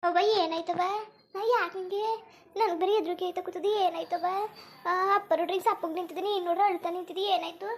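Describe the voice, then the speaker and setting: A woman's voice: very high-pitched, steady tone, fast. Woman voicing an anxious village daughter. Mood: worried. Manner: anxious, pleading questions. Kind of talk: cartoon voice acting.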